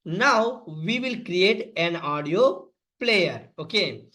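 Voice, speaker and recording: Slow and forceful, this Indian-accented tutorial instructor uses a high, bright voice with lively intonation to teach coding step by step. He repeats his phrasing and speaks to the audience as friends.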